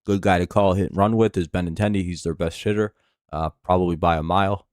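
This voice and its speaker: An American man hosts a casual sports live stream in a low voice, recorded dry and close. His s sounds whistle with a slight lisp from false teeth. He rambles through play-by-play and chat like a fan, swearing as he goes. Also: steady tone, fast talker, a little mellow, no room sound. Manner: rambling, profane, laid-back fan talk.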